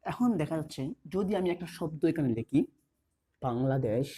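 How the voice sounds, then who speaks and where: A man teaching a class, repeating key terms slowly as he writes them out. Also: a little high, warm tone, slightly rough. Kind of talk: explanatory class lesson.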